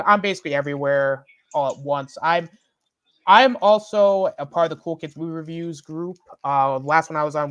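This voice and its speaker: Clear-voiced young man, close and dry. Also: on the high side, fairly bright tone, no echo. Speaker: panelist, online creator. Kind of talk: casual self-introduction.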